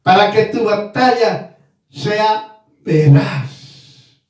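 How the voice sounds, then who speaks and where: Slow, high-voiced preacher in an echoey room. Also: male voice, lively intonation. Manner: repeats phrases and asks listeners if they understand. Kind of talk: sermon. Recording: very echoey room, distant mic.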